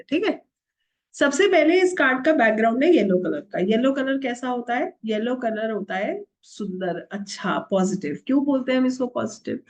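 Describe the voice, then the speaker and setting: Heard over a video call, a middle-aged woman with a voice on the high side runs a tarot workshop online. She asks her students questions, answers them on her own, and blends English words into her Hindi.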